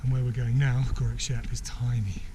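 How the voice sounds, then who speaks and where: A man's voice: mid-range voice, little pitch movement, a little fast, warm tone. Chatty man vlogging outdoors. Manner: chatty, upbeat, thinks aloud while hiking. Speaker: trekker filming his trek. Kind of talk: casual vlog narration. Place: outdoors on a high mountain trail. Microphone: handheld camera. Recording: outdoor camera mic with clear wind and ambient noise. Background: mountain ambience, helicopters.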